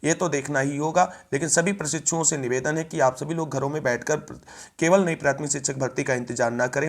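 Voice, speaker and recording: Male news presenter, mid-range voice, formal wording and long running sentences. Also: medium pitch. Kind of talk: news update narration.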